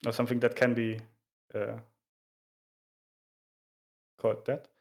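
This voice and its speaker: A man explaining things informally in a casual chat, in a somewhat halting, hesitant way. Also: medium pitch, monotone, gravelly, darkish tone. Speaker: explainer of video game graphics.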